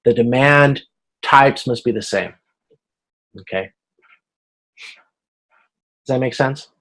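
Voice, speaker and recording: A man teaching casually online goes through his slides slowly and hesitantly, one step at a time, pausing to check understanding. His voice is medium-pitched and a bit bright, captured on a rough recording.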